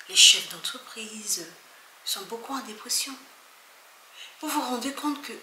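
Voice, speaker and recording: A woman vlogger with a voice on the high side talks earnestly to camera in an echoey room with faint background noise. She is emphatic yet often drops to a soft, hushed tone.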